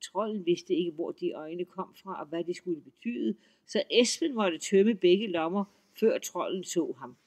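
A man reading a folk tale aloud in a lively, expressive storytelling manner. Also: sits high, slightly rough.

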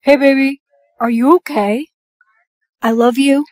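A woman's voice: high voice, steady tone, unhurried, a little mellow, dry recording, clean studio sound. A young woman acting earnest characters in a short melodramatic social video skit. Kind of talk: acted short social video skit, playing several parts.

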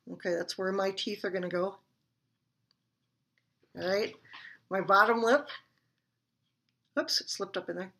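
A woman's voice: mid-range voice, fairly bright tone. A woman teaching beginner clarinet, explaining and demonstrating in a friendly, chatty way and laughing at her own slips. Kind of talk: instructional demonstration.

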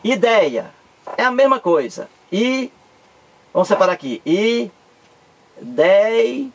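A Cearense teacher from northeastern Brazil explains grammar in a high, very animated voice with a breathy edge, moving at a fairly quick clip. His Brazilian Portuguese accent is from Ceará, and he leans on emphatic repetition.

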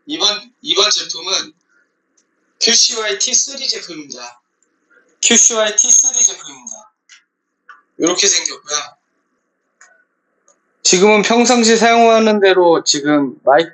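A man's voice: high voice, a bit bright. A man reviewing products, repeating plain test phrases while recorded through a bluetooth headset microphone. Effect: heard through a bluetooth headset mic. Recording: muffled lo-fi bluetooth mic.

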